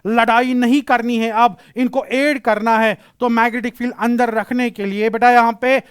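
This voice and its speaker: A man's voice: very high-pitched, steady tone, moderate pace, clean tone, no echo, studio quality. A male physics teacher giving a classroom lecture, explaining patiently, repeating key phrases and using terms.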